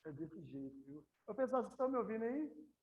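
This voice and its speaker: A woman's voice: mid-range voice, big pitch swings, quick pace. A woman with a Brazilian Portuguese accent teaching an English class in a classroom, chatty and often checking in with her students. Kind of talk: classroom lecture. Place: classroom, also streamed to students at home. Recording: dull lo-fi classroom recording.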